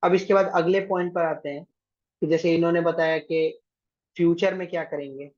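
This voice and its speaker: A man's voice: a little high, steady tone, moderate pace, a little mellow, muffled recording. A man teaching an online exam-prep class, giving directions and often checking with his students. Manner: directive, keeps checking with "thik hai".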